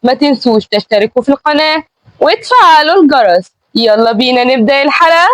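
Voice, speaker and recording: A woman with an Egyptian Arabic accent narrating a horror story in a suspenseful, expressive way. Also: high voice, quick pace. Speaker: storyteller and channel host.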